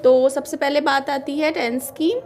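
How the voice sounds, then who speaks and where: A woman with a high, light voice walks her students through a grammar lesson. She speaks patiently and keeps repeating key words slowly as she writes them down. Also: steady tone, a little mellow, slight background noise. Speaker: teacher. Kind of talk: classroom lesson explaining grammar.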